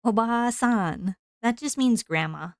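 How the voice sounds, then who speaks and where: Slow, chatty woman streamer with a smooth voice. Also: on the high side, animated, dry recording, clean studio sound. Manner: rambling and chatty, with frequent laughs and fillers. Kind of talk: casual chat while drawing on stream.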